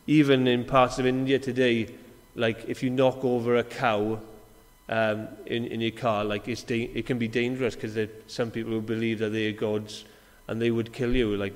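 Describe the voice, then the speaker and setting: Man preaching in a reverberant hall. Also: mid-range voice. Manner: restarts and repeats words, asks the congregation questions. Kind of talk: conversational sermon. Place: church hall before a congregation. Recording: long reverb of a large hall.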